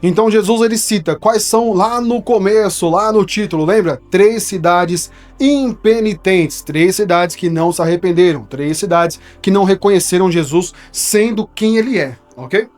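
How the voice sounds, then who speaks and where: A high-pitched, darkish voice at normal speed with hardly any pauses belongs to a paulistano preacher from São Paulo explaining a Bible verse in a studio. Soft music sits in the background, and his conversational teaching keeps checking in with listeners.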